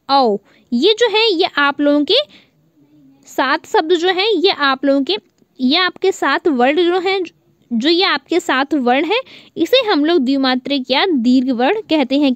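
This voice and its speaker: High-voiced woman teaching an online class. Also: dry recording, dull audio. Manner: repeats key points as questions to the class; draws out vowel sounds to demonstrate length.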